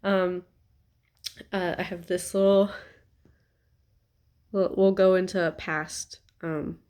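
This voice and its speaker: A woman's voice: fairly low pitch, steady tone, takes it slowly, a little mellow, smooth. A young woman talking casually to camera from her couch at home, chatty and rambling with lots of ums and likes, a bit stuffy-nosed. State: stuffy nose. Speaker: vlogger.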